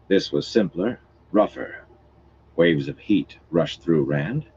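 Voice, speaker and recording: A man reading a fantasy novel aloud in a steady, expressive storytelling manner. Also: extremely low pitch, muffled recording, a little hiss or hum. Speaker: audiobook reader.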